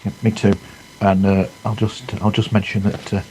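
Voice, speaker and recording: Low-voiced man hosting a podcast. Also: completely flat delivery, moderate pace, mellow, slight background noise, rough recording. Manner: chatty, stammering restarts. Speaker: podcast host. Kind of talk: casual chat over a video call. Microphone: headset.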